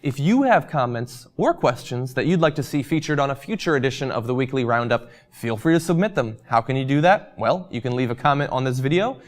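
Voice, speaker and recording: A man's voice: medium pitch, fairly quick, hardly any pauses. Casual man answering viewer comments. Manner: relaxed, chatty, frequent ums and uhs. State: losing his voice. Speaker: host.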